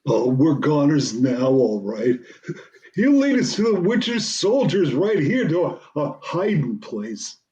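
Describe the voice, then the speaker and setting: Blustering, high-voiced cowardly lion. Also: male voice, sing-song, slow pace, a little mellow, highs cut off. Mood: blustering dread. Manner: stammering, blustering. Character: blustering cowardly male lion, nervous and whiny. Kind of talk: comic radio play acting.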